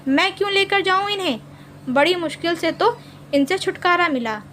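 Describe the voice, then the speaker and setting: A haughty elder daughter-in-law, as a woman storyteller puts her on, high-voiced and scornful. She snaps with greedy contempt in a family storybook. A faint hiss lies under her. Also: unhurried. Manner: scornful, roaring.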